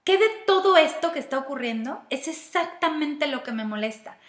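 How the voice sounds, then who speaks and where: A woman's voice: sits high, lively intonation, normal speed. A woman with a Mexican Spanish accent giving a reflective self-help talk, walking through steps and asking herself questions aloud. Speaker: speaker giving personal-growth advice. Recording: roomy echo.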